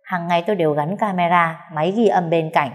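A woman's voice: on the low side, natural voice. Woman doing a brazen, cocky young maid. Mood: defiant. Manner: cocky, sassy, quick retorts. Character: young housemaid, brazen and defiant.

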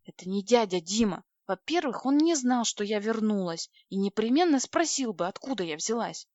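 A curt, sarcastic young officer grumbles his lines, a little lower than the storyteller's own voice, as a woman narrator puts him on. The sound is dry with no room around it. The recording is slightly dull and lo-fi. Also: expressive, normal speed, a little mellow, no echo, natural voice. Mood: grumbling.

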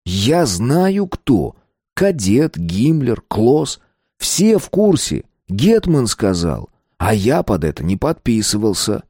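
Teen boy bluffing hard, slow tough talk, read by a man. Dry close read. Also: mid-range voice, very animated, mellow, slightly rough, no room sound, pitched above the performer's own voice, exaggerated voice. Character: cocky teen boy bluffing gang members.

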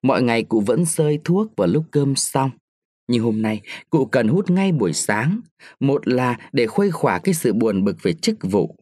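A man reading a short story aloud in an expressive storytelling manner. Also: medium pitch, normal speed, no echo, clean studio sound. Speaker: story reader.

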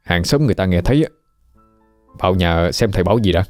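Give me a young son quietly urging calm, deep-voiced, read by a man. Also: fast talker, no echo, faint music behind. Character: young man soothing his mother.

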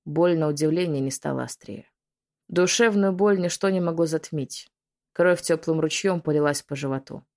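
Audiobook narrator: woman, low-pitched, somber and measured first-person reading. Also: darkish tone.

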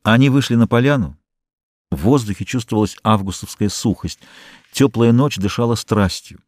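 A man narrating a novel as an audiobook reader, measured and calm. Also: fairly low pitch, no echo.

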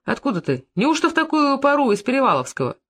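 Brief: narrator as a blunt, sleepy village policeman, short plain lines, lively intonation, audiobook. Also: sits high, quick pace, voice pushed up, heavily acted. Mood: gruff. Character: rural police officer man, gruff and unhurried. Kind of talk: audiobook reading.

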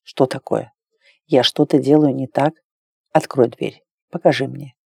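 A woman voicing a confident, teasing adult man in an audiobook, speaking low and hushed. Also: steady tone, a little slow, gravelly, husky, no echo, clean studio sound, heavily acted. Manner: low, hushed, intimate delivery.

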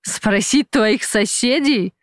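A reader voices a cruel, mocking male gang boss for an audiobook. He taunts and threatens in a false, friendly way, his voice pitched up and pushed loud. The recording is dry and close. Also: animated, moderate pace, dry recording, lightly acted. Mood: sneering. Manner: sneering, taunting, falsely genial. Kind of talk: audiobook character voice.

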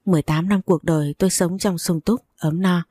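Female storyteller, low and dark, dry close sound, steady first-person reading. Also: brisk, dry recording. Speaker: story narrator.

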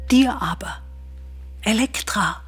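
An actress playing a consoling woman of Mycenae in a radio drama, speaking in a solemn, measured way. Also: mid-range voice, lively intonation, breathy edge, exaggerated voice. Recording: radio play with soft music behind.

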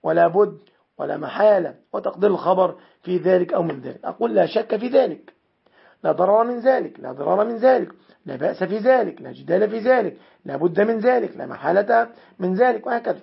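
A man's voice: high-pitched, expressive, fairly quick, creaky, breathy edge. A man with an Egyptian accent teaching an Arabic grammar lesson, methodically parsing example sentences one word at a time. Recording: dull lo-fi recording.

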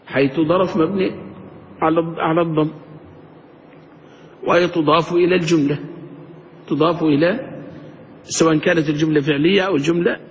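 A man's voice: on the high side, fairly even intonation, a little fast, pauses often, big-room sound, dull audio. A man teaching grammar in a classroom lecture, asking students questions and answering them himself.

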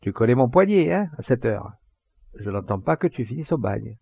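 A man voicing a jovial, hearty, fatherly middle-aged poacher who lectures in a booming, sententious way. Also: sing-song, normal speed, gravelly, slightly rough, no room sound, muffled recording, full character voice.

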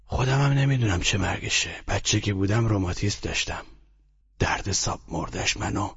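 A man's voice: fairly low pitch, vocal fry, a bit bright, breathy edge, highs cut off, voice pushed up, full character voice. A man voicing a rude, weary young man who answers curtly and sarcastically in an audiobook story. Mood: gruff. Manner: curt, cursing, sarcastic.

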